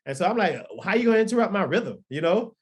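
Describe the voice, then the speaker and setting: A high, sing-song, husky male voice moves at a quick pace. He's a pastor and record producer in his thirties, born in Liberia and raised in Florida, giving a relaxed testimony in a podcast interview. His storytelling rambles, full of ums and restarts.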